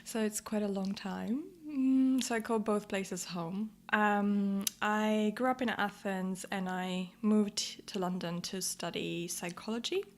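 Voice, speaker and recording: A woman from Greece, a podcast guest who speaks thoughtfully with many pauses and ums. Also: mid-range voice, fairly even intonation. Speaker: guest, life coach and yoga teacher. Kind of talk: podcast interview.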